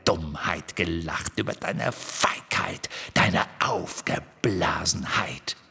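A man voicing a cruel phantom copy of a teenage boy who talks with a dark lord's voice, cold and sneering. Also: low-pitched, slow pace, gravelly, husky, voice pushed down, exaggerated voice.

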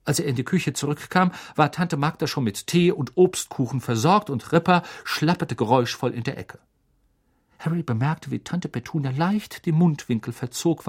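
A man narrating an audiobook in a lively, expressive storytelling manner. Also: mid-range voice, husky. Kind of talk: scripted narration.

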